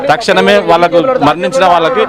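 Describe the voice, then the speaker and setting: A man's voice: high voice, steady tone, quick pace, over a noisy crowd. A local man in a street interview, insistently demanding action. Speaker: local resident.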